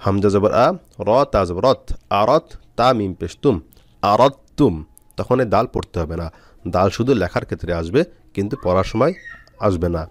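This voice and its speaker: A man teaching Quran reading, spelling out letters and syllables slowly with frequent pauses. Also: fairly low pitch, dry recording. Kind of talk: step-by-step spelling lesson.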